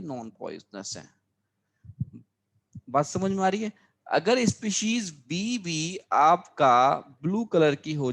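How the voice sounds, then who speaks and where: A man teaching biology from his class notes, his voice sitting a little high for a man. He drills each key term twice and keeps checking with "clear?" and reminders to remember. He talks to the students as children. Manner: repeats key terms, checks understanding with "clear?". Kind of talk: exam-prep lesson explaining class notes.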